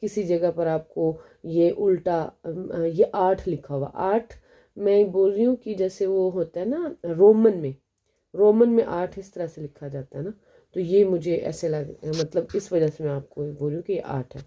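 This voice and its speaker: A woman with a Pakistani Urdu accent teaching a beginner language lesson. She explains step by step, asks questions and answers them herself, and slows down to spell out each letter sound. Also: fairly low pitch, warm tone. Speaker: Arabic teacher.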